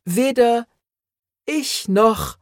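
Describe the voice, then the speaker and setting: Guy putting on a delirious man, stammery and breathy, pitched way up, dry close recording. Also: animated, extremely slow, no echo, heavily acted. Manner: breathy, stammering, high and strained. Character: delirious rambling adult man, giggling.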